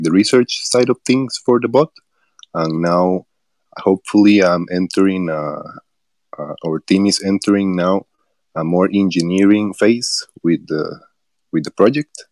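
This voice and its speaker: A man from Rica, a developer guest on a podcast interview, speaking in a halting way with frequent fillers and restarts. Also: low-pitched, a little mellow, no room sound. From Costa Rica.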